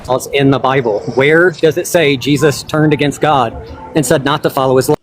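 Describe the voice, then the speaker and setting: A man's voice: mid-range voice, fairly even intonation, normal speed, faint music behind. A man on a call-in debate whose call audio keeps glitching and cutting out, firing pointed, challenging questions. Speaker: caller debating the host. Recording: noisy call line with clicks.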